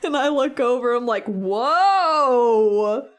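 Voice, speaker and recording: A young woman streaming a video game, reacting excitably, laughing often and swearing playfully. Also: mid-range voice, slow. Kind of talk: casual game-stream commentary.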